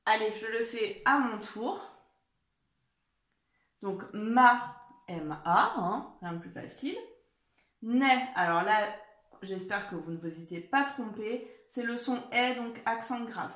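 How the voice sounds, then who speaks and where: A high, animated, unhurried voice with a fairly bright tone rings through a reverberant room at home. It belongs to a primary school teacher giving young kids a spelling lesson, encouraging them patiently and regularly checking in with everyone.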